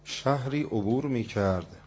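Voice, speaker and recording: A man preaching a sermon, telling a moral story in a dramatic, expressive way with a husky voice. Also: mid-range voice. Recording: dull lo-fi recording.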